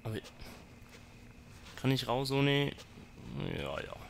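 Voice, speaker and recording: Man, gameplay commentary, slow talker, noisy recording. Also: mid-range voice, sing-song. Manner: jumpy, talks to zombies and himself, swears when startled. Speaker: let's player.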